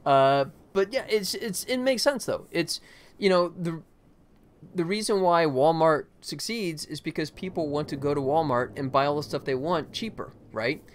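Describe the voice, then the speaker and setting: Speaking at a moderate pace in a fairly high voice, this Atlanta man works on his game during a livestream. He's a game developer and host from the United States, chatting casually and informally with his viewers.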